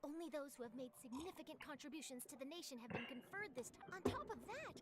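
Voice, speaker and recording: High-pitched, eager young journalist. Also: female voice, lively intonation, fast talker. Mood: persuasive. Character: eager, nosy, persuasive young female newspaper journalist. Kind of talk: anime-style video game dialogue. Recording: game music behind voice.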